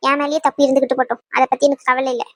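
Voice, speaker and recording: A woman's voice: sits high, level tone, no room sound. A woman voicing a young wife in a cartoon who scolds her husband in a hurt, indignant way. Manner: reproachful, rapid and indignant. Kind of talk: cartoon voice acting.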